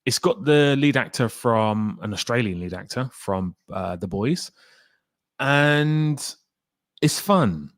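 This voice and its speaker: A man's voice: mid-range voice, lively intonation, takes it slowly, no room sound, studio quality. A man hosting a casual live stream, reading viewer comments aloud and energetically urging viewers to hit the like button. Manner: reacting to chat comments one by one. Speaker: livestream host reading viewer chat.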